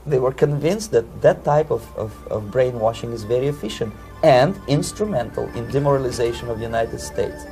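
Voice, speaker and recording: A man's voice: mid-range voice, lively intonation, normal speed, vocal fry, hardly any pauses, warm tone, soft background music. A man from the Soviet Union with a Russian accent, giving earnest, lecturing answers in an interview and often repeating words as he searches for them. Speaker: interview guest.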